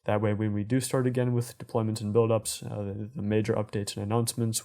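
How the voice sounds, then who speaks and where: A man with a mellow, dark voice and a fairly narrow pitch range hosts a project update. He talks conversationally but keeps his wording measured and corporate. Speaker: host of community update show.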